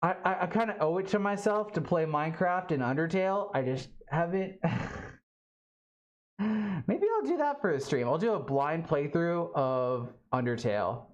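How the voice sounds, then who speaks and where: A streamer from Alabama chatting casually on a livestream from a home studio, halting and rambling with many fillers and restarts. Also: mid-range voice, animated, dull audio. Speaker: livestream host.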